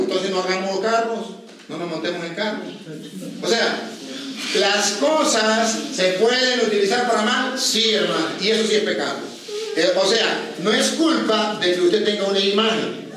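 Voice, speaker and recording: High-voiced priest preaching in an echoey hall. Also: male voice. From Venezuela. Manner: lively storyteller acting out quoted voices. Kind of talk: preaching with storytelling. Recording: echoey hall from far off with faint ambience.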